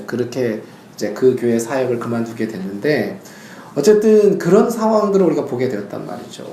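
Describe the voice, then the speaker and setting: A male pastor preaching a sermon, telling stories in an animated way and now and then crying out loud. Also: fairly high pitch, reverberant, slight background noise. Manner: animated storytelling, bursts into loud acted cries.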